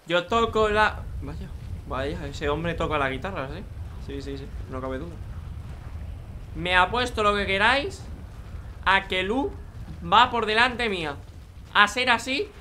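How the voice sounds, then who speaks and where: A man's voice: high voice, lively intonation, unhurried, long pauses, sharp tone, slight background noise. A young man, joking crudely and chatting casually as he plays a racing game. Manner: joking, crude, talks to himself and viewers. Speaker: gaming youtuber. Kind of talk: casual gameplay commentary.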